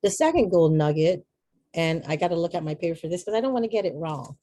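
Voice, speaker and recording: A woman's voice: lowish voice, lively intonation, quick pace, warm tone, no echo. A middle-aged woman from Barbados, giving an earnest, reflective inspirational talk with chatty asides. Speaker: motivational speaker.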